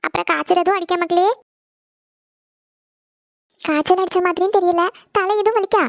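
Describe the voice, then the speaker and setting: A woman's voice: very high voice, steady tone, creaky, dry recording, studio quality. Woman doing a fussing cartoon mother. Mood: worried. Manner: scolding, rapid, fussing. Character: scolding worried middle-aged village mother. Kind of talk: cartoon voice acting.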